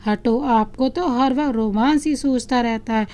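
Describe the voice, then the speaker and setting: A woman voicing a tired but affectionate young wife who speaks gently and shyly, in a storybook reading. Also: on the high side, a little slow, natural voice. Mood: fond. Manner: gentle, shy.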